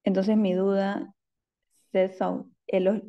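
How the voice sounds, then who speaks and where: A woman's voice: mid-range voice, little pitch movement, takes it slowly, mellow. Hesitant woman student over dull call audio. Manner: hesitant, searching for words. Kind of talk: asking questions in class.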